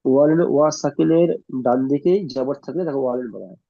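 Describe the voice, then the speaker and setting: A man's voice: mid-range voice, fast, creaky, no echo. A male student answering his teacher by reciting a definition in an online class. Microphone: video call. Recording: dull lo-fi online call audio.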